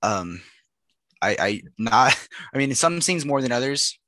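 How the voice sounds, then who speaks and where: A young man co-hosting a podcast tells rambling, jokey stories in casual conversation, dropping frequent fillers. His medium-pitched voice has a sing-song lilt and a sharp tone, and he speaks a little slowly. There's slight background noise.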